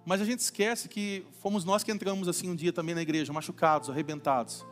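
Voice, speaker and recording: A man's voice: sits high, steady tone, fast. A male Brazilian pastor giving a sermon in a church, chatty and humorous, acting out everyday quotes. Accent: Brazilian Portuguese. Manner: conversational preaching with acted-out everyday quotes. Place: church hall. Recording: reverberant church hall with faint music.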